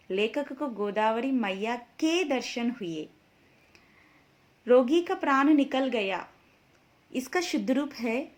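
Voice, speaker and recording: A woman teacher reading out grammar examples and their corrections in a measured lesson style. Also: high-pitched.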